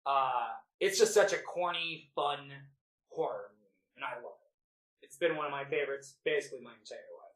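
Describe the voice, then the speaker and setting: Mid-range, animated and fairly bright, this man's voice moves at a moderate pace as he co-hosts a movie podcast. He rambles and swears while chatting casually and enthusiastically about favorite films, recorded in a roomy, echoey home setup.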